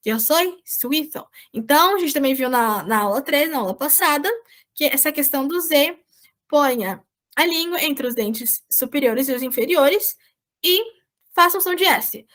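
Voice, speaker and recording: High-voiced Brazilian woman teaching online. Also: expressive, normal speed, a bit bright. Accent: Brazilian Portuguese. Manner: explains patiently, checks in with "certo?". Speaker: volunteer Spanish teacher. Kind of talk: online class lesson. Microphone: video call.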